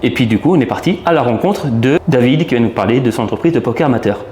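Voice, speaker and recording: A man's voice: mid-range voice, expressive, a little mellow. Male channel host, casual interviewer, medium voice, echoey room with light noise. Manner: friendly, conversational, quick prompts.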